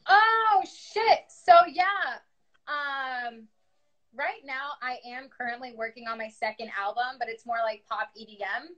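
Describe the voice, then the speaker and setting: A woman's voice: high-pitched, unhurried, fairly bright tone, dull audio. A young woman from New York with a New York accent, chatting candidly about her music on a livestream. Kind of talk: casual livestream chat.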